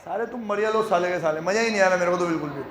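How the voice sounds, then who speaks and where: A male accounting teacher giving a classroom lecture, leading his students in loud call-and-response chants. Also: sits high, racing, background noise. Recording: echoey classroom with faint ambience.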